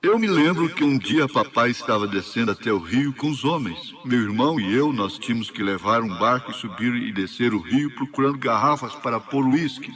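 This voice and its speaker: A man with a Brazilian accent interpreting a sermon line by line, steady and faithful. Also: mid-range voice, brisk, hardly any pauses.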